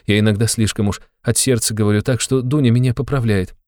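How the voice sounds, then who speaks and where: A man's voice: fairly low pitch, steady tone, a little mellow, no room sound, clean studio sound, voice pushed up, close to an everyday voice. Man voicing a flustered tearful old mother. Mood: anxious. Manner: breathless, rushed, exclamatory. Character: anxious fussy aging mother, tearful and flustered.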